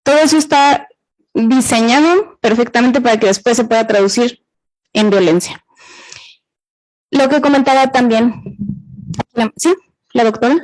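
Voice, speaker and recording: High-voiced Mexican woman lecturing. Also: measured pace, long pauses, a little mellow, rough recording. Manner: explanatory, asks the audience questions and repeats their answers. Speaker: university gender violence workshop speaker. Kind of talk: interactive talk to students.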